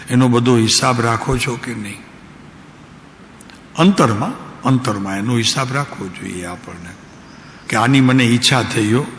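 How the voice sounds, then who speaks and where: A man, a spiritual teacher, giving a devotional discourse in a calm, unhurried way and asking his listeners direct questions. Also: mid-range voice. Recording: echoey hall, faint background noise.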